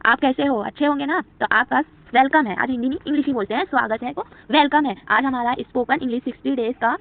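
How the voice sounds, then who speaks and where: A woman's voice: high voice, quick pace, gravelly. A woman with a Hindi accent teaching a beginner spoken English lesson. She keeps asking her own questions and answering them over and over. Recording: tinny phone-like audio.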